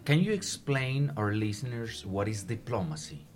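An interview host questions a student for listeners, encouraging her, rephrasing questions and supplying words she can't find. The voice is medium-pitched and very animated, at a normal speed.

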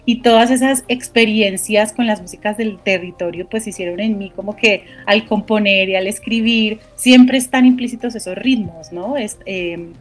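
Woman from Colombia, jazz singer, reflective interview answers, faint music underneath. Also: medium pitch. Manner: thoughtful, searching for words, many restarts.

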